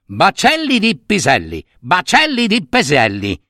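A man's voice: high voice, huge pitch swings, unhurried, sharp tone, no room sound, clean studio sound, voice pushed up, exaggerated voice. A man voicing a spoiled, rude young prince who whines and orders people around in a fairy tale. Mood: whining. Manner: whiny, demanding, rude.

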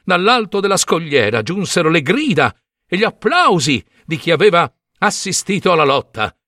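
A man narrating a myth as a dramatic, expressive storybook reading. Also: high-pitched, normal speed, no echo, clean studio sound. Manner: expressive, animated delivery.

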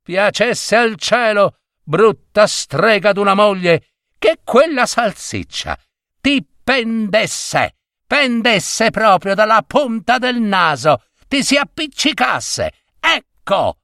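A man's voice: medium pitch, big pitch swings, unhurried, a bit bright, no echo, studio quality. A man voicing a blustering, grumbling peasant woodcutter in a storybook reading. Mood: angry. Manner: blustering, sighing. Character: grumbling peasant woodcutter husband, middle-aged.

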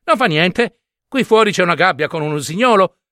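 A man's voice: high-pitched, expressive, brisk, pushed and bright, dry recording, studio quality. A man voicing a vain old pen that gossips mockingly about the teapot.

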